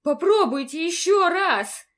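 A woman voicing a grieving young woman who cries out in loud pleas. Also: sits high, animated, slow pace. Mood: desperate.

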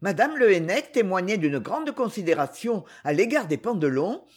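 A woman reading a novel aloud in a measured, expressive way. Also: mid-range voice, breathy edge. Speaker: audiobook reader.

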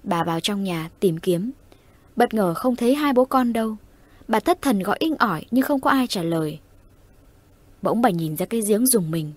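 Female audiobook narrator for a ghost story, mid pitch, steady, dry close sound. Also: moderate pace, no echo.

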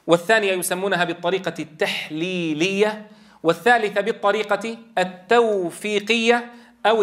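A man's voice: sits high, fairly bright tone. A man, a Quran teacher trainer, explaining step by step and asking the class rhetorical questions. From Levant. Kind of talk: lecture.

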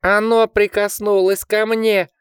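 Man doing a terrified teenage boy, shrill shrieking, very high, dry reading. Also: level tone, measured pace, smooth, no room sound. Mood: panicked. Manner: shrill panicked shrieking at times. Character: frightened, tearful teenage schoolboy. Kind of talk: audiobook character voice.

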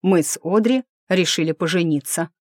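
A woman's voice: on the low side, normal speed, darkish tone, dry recording, studio quality, natural voice. A woman reading the part of an impatient, domineering lord who gives curt commands, in an audiobook.

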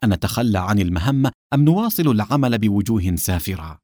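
A man's voice: fairly low pitch, sing-song, quick pace, a little mellow, no echo, clean studio sound. A man voicing a fearful young female police lieutenant in an audiobook. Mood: anxious.

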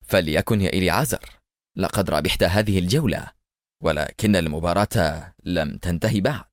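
رجل يؤدي بطلا صارما بصوت خفيض. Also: male voice, deep voice, animated, brisk, no room sound, clean studio sound. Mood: stern. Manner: stern, cold and mocking. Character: stern, fearless male action hero.

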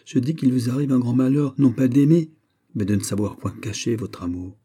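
A man voicing an earnest young French nobleman with a soft, harmonious voice, lecturing his friend insistently. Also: mid-range voice, fairly quick, slightly rough, close to an everyday voice.

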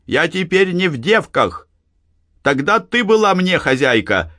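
A man doing a defiant sharp-tongued young woman. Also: mid-range voice, sing-song, measured pace, no room sound, clean studio sound, voice pushed up. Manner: sharp, mocking retorts. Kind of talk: audiobook reading.

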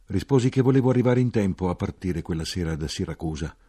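A man narrating a literary audiobook in a measured, grave, expressive way. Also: low-pitched, slightly rough, no echo, studio quality.

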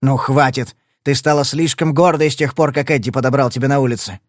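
A man's voice: mid-range voice, a little fast, no room sound, studio quality, lightly acted. A male reader voicing a blunt, scarred thug who growls his threats. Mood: gruff. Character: thuggish, scarred male brawler, blunt and menacing.

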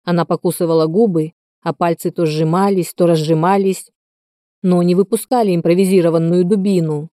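A woman narrating an audiobook in a steady, even storytelling manner. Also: on the low side, fairly quick, no echo, studio quality. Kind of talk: scripted narration.

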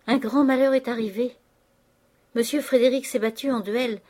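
A woman's voice: lowish voice, normal speed, darkish tone, lightly acted. A woman reading an audiobook, voicing a frightened male servant with urgent, alarmed speech. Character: frightened male servant bringing bad news.

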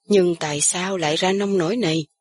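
An anxious older woman in an audiobook, pleading through tears, voiced by a woman reader. Her voice is soft, low and husky. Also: steady tone, fairly quick. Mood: tearful. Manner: tearful, pleading.

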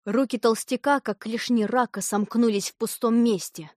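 Expressive woman reading a storybook. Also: on the high side, normal speed, no echo, clean studio sound. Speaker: narrator. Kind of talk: audiobook narration.

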